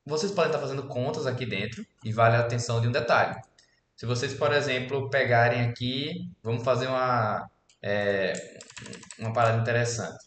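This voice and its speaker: With a mid-range voice and a slightly quick delivery, a young programming instructor from Alagoas, Brazil, in his twenties, casually runs through code on a screen recording. He checks in often with "beleza?" while faint keyboard clicks echo around the room.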